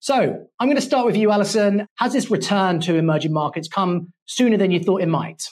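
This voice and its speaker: A man's voice: high-pitched, brisk. A man with a London accent hosting a corporate finance podcast in a studio, polished and playful in his wording. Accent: London English. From England. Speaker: podcast host.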